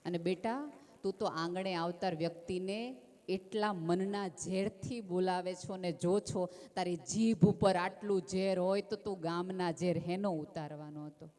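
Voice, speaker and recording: Lady talking gently on stage into a mic, never raises her voice, long hall echo. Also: lowish voice, steady tone, measured pace. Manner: intimate, addresses listeners as friend. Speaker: speaker at a community religious festival. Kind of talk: inspirational talk with storytelling. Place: stage at a large festival gathering. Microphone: stage microphone with PA. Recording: long reverb of a large venue.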